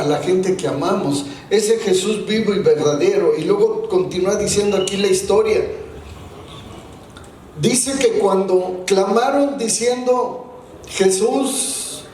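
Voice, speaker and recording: A man with a Mexican Spanish accent preaches a sermon to his congregation, his voice sitting fairly high. He keeps asking rhetorical questions and pushes hard on the key words. The recording rings heavily around a church hall and catches him from a distance. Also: a little mellow. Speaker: pastor. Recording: very echoey hall, voice from far off, faint room noise.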